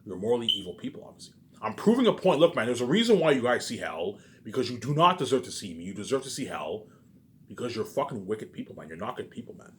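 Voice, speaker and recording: Here a man vlogs an agitated, off-the-cuff rant at the camera, swearing, circling back over the same points and stumbling on repeated words. His medium voice is fast and sing-song, with a little hiss or hum in the audio.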